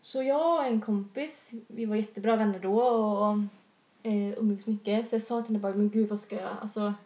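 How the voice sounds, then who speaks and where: A young woman, a guest on a podcast, telling an anecdote in relaxed casual chat. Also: mid-range voice. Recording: echoey room.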